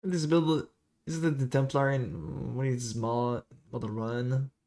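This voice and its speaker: A man with a French accent talks casually while he streams a game. He thinks out loud, mutters half to himself and breaks off to answer his chat. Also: mid-range voice, little pitch movement, takes it slowly, vocal fry.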